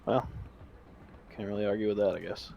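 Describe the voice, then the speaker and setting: A man's voice: fairly low pitch, little pitch movement, fairly quick, vocal fry, warm tone, lo-fi sound, a little hiss or hum. A man playing his character in a tabletop game, talking hesitantly and politely. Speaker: player.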